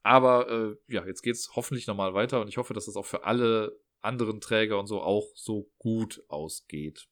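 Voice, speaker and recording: An after-school care worker shares a casual story in a personal vlog monologue, his voice lowish and a bit bright. He moves at a normal speed with hardly any pauses, chatting freely, acting out the dialogue and tacking "ne?" onto his lines again and again.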